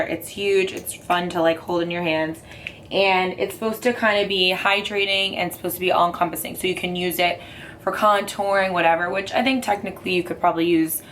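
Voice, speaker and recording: A young woman with a hoarse, raspy voice from a cold, chatting casually through a makeup review with lots of fillers. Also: on the low side, fairly bright tone, slight background noise. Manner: chatty, rambling with many fillers. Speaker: beauty vlogger.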